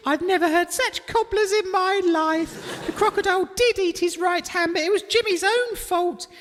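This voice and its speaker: A fussy pantomime mother scolds and exclaims in a very high voice, played by a woman. Her lines carry a long reverb from the room. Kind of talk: amateur audio pantomime.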